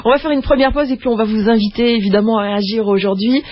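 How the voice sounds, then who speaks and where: A woman's voice: fairly high pitch, steady tone, quick pace, no room sound. Woman, radio host, conversational questioning, dry studio, lo-fi radio sound. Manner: conversational, asks follow-up questions. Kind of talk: radio talk show hosting. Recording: dull lo-fi radio recording.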